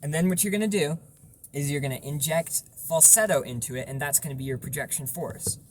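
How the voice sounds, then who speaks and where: A man's voice: fairly high pitch, a little fast, a little hiss or hum. A man giving an informal, explanatory tutorial on vocal technique, stressing points through repetition.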